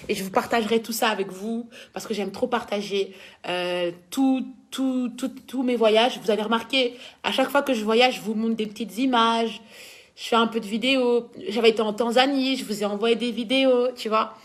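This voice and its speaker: Reading and answering fan questions, a young dancer from Belgium talks casually in a Belgian French accent. She speaks at a normal pace in a slightly high voice, keeping her tone steady.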